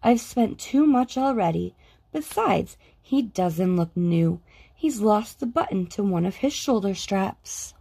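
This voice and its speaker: A woman playing a tired, thrifty mother in a picture book, sighing and firm. The voice is mellow and a little husky. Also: medium pitch, lively intonation, takes it slowly, full character voice. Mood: weary. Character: weary thrifty mother, middle-aged woman.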